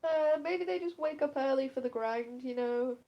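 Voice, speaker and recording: A woman's voice: high-pitched, moderate pace, vocal fry, dull audio. A woman, narrating a tabletop game as game master in a laid-back way. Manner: laid-back, laughs easily.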